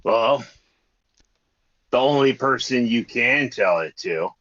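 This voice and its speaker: A man plays a tabletop game in a slow, deliberate way. His voice is bright and tense. It comes through a dull, dry lo-fi mic. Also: mid-range voice, expressive. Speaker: player.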